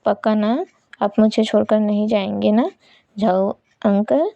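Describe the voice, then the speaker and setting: A woman's voice: mid-range voice, a little slow, creaky, dry recording, muffled recording. A woman voicing a clingy, sleepy young man who pleads and whines, in a read-aloud story. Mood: pleading. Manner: pleading, whiny.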